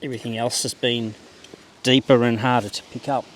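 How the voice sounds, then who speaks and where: A man's voice: medium pitch, level tone, a little fast. Man in casual outdoor commentary, noisy background. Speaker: metal detecting vlogger. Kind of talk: casual running commentary while searching. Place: outdoors on a beach. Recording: clear outdoor background noise.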